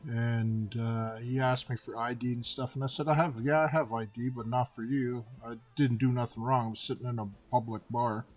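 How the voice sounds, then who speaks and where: Animated man in his fifties telling stories. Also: mid-range voice, normal speed, hardly any pauses. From Canada. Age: 50s. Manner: animated retelling, acting out dialogue with repeated "and I said". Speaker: artist telling personal stories. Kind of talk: casual storytelling monologue.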